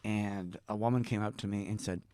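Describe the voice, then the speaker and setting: This Georgia-born professional storyteller, an older man with a Deep South accent, has a lowish, darkish voice that moves fairly quickly with fairly even intonation. There's a little hiss or hum on the recording as he relaxes into anecdotes as an interview guest, pausing and restarting and performing bits of dialogue.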